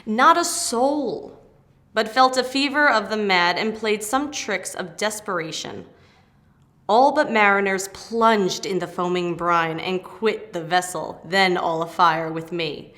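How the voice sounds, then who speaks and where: A woman performs a Shakespearean dramatic reading as an airy spirit servant, proud and eager, speaking in a declamatory, emphatic style with vivid excitement. Her voice is mid-range and fairly bright, and she takes it slowly.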